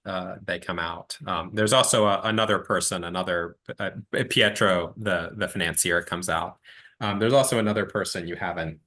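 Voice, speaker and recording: A man narrating as game master in a tabletop horror game, halting and restarting as he describes the scene. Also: sits low, pushed and bright. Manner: halting, many fillers and restarts.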